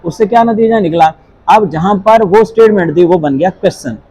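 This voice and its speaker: A man with a fairly high but mellow, dark-toned voice gives a spoken English grammar lesson. He talks with a Punjabi-influenced Urdu accent and mixes in English phrases. He keeps asking his students rhetorical questions as he explains. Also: fairly quick, rough recording. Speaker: English teacher.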